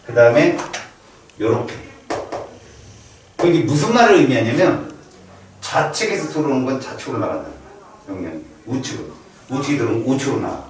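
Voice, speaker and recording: A man lecturing a biology class in a lively, playful way, his pitch rising and falling a lot as he acts out quick reactions. He is recorded from far off in a strongly echoing classroom. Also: slight background noise. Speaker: biology teacher. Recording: echoey room from far off.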